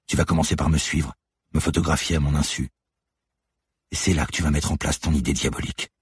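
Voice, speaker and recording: A man's voice: a bass voice, fairly even intonation, fairly quick, slightly rough, no echo, heavily acted. A man voicing a relentless woman police detective who lays out her accusations steadily and methodically in an audiobook. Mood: accusing, cold. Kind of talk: audiobook character voice.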